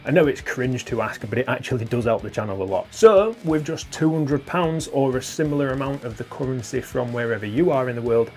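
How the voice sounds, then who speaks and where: A man's voice: mid-range voice, lively intonation, brisk, few pauses, a little mellow. A young British man hosting a guitar channel, talking gear casually, swearing and laughing at his own jokes. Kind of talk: casual gear talk to camera.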